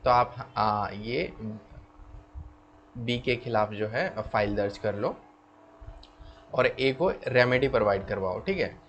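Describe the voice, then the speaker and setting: A man's voice: medium pitch, takes it slowly, long pauses. A man teaching law, explaining step by step and often checking in with "okay". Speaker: law lecturer. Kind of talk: explanatory lecture. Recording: slightly dull lo-fi sound with faint background noise.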